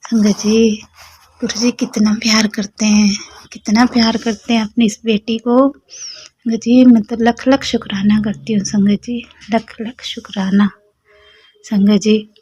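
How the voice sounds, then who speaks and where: A young woman with a Delhi Hindi accent and a slightly sore throat, sharing a devotional testimony with fervent, personal warmth as she speaks directly to the congregation. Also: fairly high pitch, little pitch movement, unhurried, breathy edge. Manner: addresses listeners as sangat ji, fervent and personal. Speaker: devotee sharing satsang experience.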